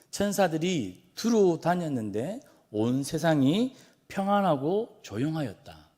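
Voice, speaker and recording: A man's voice: mid-range voice, darkish tone. A male pastor giving an explanatory early-morning sermon, asking questions and answering them himself. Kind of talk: dawn prayer sermon.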